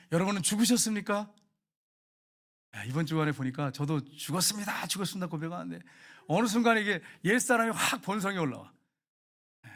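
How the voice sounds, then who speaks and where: Slightly high-voiced storytelling pastor. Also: male voice. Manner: lively storytelling, acting out everyday scenes; colloquial, talks directly to the congregation. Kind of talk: sermon.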